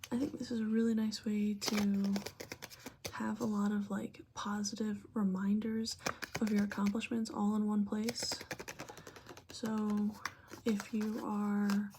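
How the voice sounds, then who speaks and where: Woman whispering an ASMR pep talk, creaky. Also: on the high side, background noise. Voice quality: breathy whisper mixed with very soft-spoken voice. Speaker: ASMR creator giving advice.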